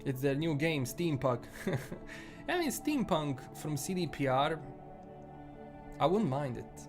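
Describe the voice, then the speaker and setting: A livestream host with a Bosnian accent chats casually, rambling and often restarting his sentences. His voice is on the high side, slow and sing-song, and music plays beneath him.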